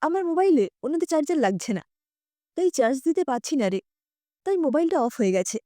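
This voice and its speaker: A woman's voice: high voice, sing-song, brisk, warm tone, no room sound, studio quality. A woman reading a scripted audiobook story aloud, narrating and voicing every character herself.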